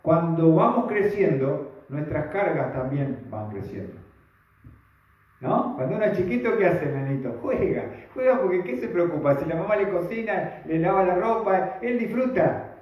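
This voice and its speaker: A man's voice: a little high, big pitch swings, moderate pace. A man preaching a sermon with a Rioplatense Spanish accent, folksy and conversational, full of rhetorical questions. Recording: very echoey, dull sound.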